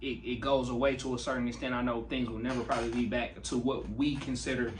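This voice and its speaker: A man's voice: mid-range voice, fast talker, recorded from a distance. Laid back radio host guy chatting with a guest, a bit off mic, faint hiss. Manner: relaxed, easygoing questioner with fillers. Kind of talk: casual interview chat. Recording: off mic with faint background noise.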